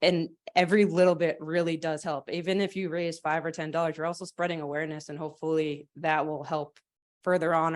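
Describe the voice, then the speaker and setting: A woman on a panel giving informal, reassuring and encouraging advice to a group. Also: deep voice. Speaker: panel speaker.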